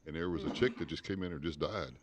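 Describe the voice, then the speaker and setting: A man's voice: rumbling low, quick pace, background noise. A man on a casual podcast panel, hesitant with many fillers.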